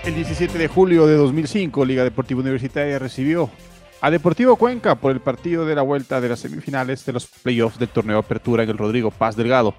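A man's voice: medium pitch, fast talker, darkish tone. Male sports presenter, mid-range voice, scripted read over faint music. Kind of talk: scripted radio narration.

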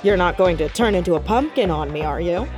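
A woman's voice: fairly low pitch, animated, fast talker, close to an everyday voice. A woman playing a playful, confident, teasing party girl in an audio drama, heard over music. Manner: playful, bubbly.

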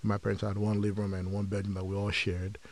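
A man from Nigeria, a podcast guest, telling his story in a measured, reflective way with frequent pauses. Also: fairly low pitch, completely flat delivery, vocal fry, a little mellow, no room sound. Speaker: podcast guest, company founder. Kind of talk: conversational interview.

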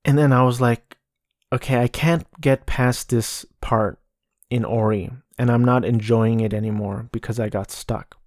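A man hosting a casual solo gaming podcast in a monotone, low-energy voice with vocal fry, hesitating and stammering over repeated words. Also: unhurried, dry recording, clean studio sound. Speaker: podcast host. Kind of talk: casual solo podcast talk about video games.

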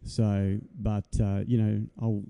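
A man's voice: fairly low pitch, flat delivery, slow pace, warm tone, smooth. A man with an Australian accent hosting a podcast in a casual style. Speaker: podcast host, musician.

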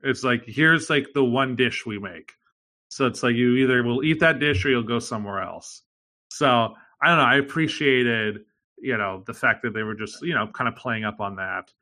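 A man's voice: mid-range voice, normal speed, bright, forceful tone. A man in casual chat about a show, rambling with lots of fillers and casual swearing.

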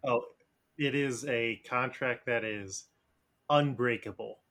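A man runs a tabletop game as its game master, narrating scenes and asking players for rolls. He talks in a relaxed, unhurried manner, dotted with fillers, at a middle pitch.

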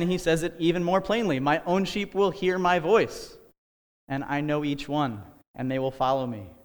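Out of breath, a man with a medium-pitched voice gives a sermon-style talk on his podcast, the sound carrying like a large hall. His delivery is earnest and conversational, sprinkled with fillers and offhand asides.

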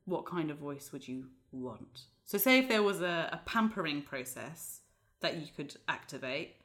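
A woman co-hosting a podcast in casual chat, chatty and quick to laugh. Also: deep voice. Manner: chatty, laughs often, animated asides. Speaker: podcast co-host.

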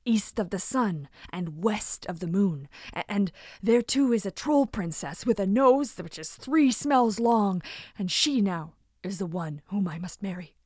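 Woman doing a sad cursed bear guy from a fairy tale, earnest, hushed at times. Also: mid-range voice, expressive, measured pace, dry recording, studio quality. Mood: solemn.

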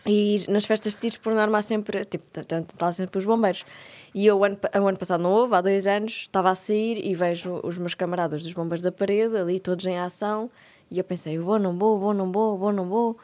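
Young woman, European Portuguese accent, casual comic storytelling, lively with frequent laughs. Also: mid-range voice, fast talker. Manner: animated, laughs often, acts out voices in anecdotes.

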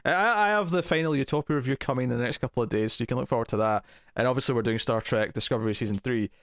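A man's voice: medium pitch, rapid-fire, fairly bright tone, no room sound, clean studio sound. Man hosting a chatty podcast. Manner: chatty, many fillers and restarts. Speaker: podcast host. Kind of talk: casual chat.

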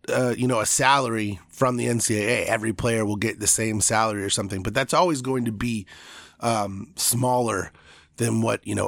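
An American man with a mid-pitched, noticeably creaky voice talks through sports casually and without a script. He rambles from point to point with firm opinions. The sound is dry, with almost no room echo. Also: a bit bright. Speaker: solo sports commentator. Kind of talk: casual unscripted sports commentary.

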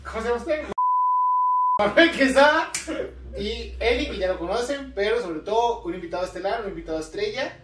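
A man's voice: high-pitched, lively intonation, brisk, reverberant, recorded from a distance, heavy background noise. A man hosting a podcast interview, playful and teasing, sometimes trailing off into mumbles. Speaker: podcast host. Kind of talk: joking casual interview.

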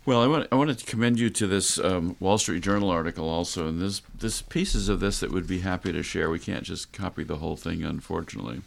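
A man's voice: deep voice, fast talker, gravelly, hardly any pauses. A man hosting a conversational radio advice show, speaking instructively and straight to the listeners. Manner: instructive, addresses listeners directly.

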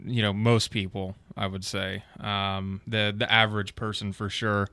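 A man's voice: fairly low pitch, little pitch movement, measured pace, bright, forceful tone, clean tone, no echo, clean studio sound. A man hosting a casual film chat, rambling with lots of fillers and swearing when he gets worked up.

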